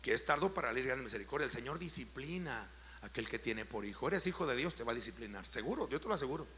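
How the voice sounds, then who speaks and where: A middle-aged Mexican man preaching a sermon as pastor, firing rhetorical questions at the congregation, checking that they follow, and building to loud, forceful emphasis. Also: medium pitch, animated, rapid-fire, slight background noise. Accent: Mexican Spanish.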